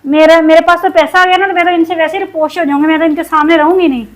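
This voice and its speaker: Woman from Pakistan, very high voice, upset, sore throat, cooking vlog chat. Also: fairly even intonation, racing, rough recording. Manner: upset, venting while cooking. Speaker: cooking vlogger.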